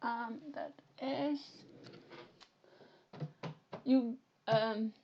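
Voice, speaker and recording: A woman with a Flemish accent, a native Dutch speaker, chatting softly and giggling as she streams and reads a story game aloud. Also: fairly high pitch, fairly even intonation, very slow, dull audio, a little hiss or hum. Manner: soft-spoken, giggly. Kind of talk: casual live-stream chat, reading a story game aloud.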